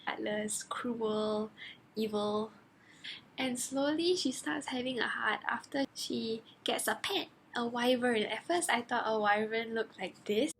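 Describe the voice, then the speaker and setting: Bubbly higher-voiced woman reviewing a book. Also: measured pace, gravelly, hardly any pauses, noisy background. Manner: animated and gushing, acting out her own reactions. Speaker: book vlogger.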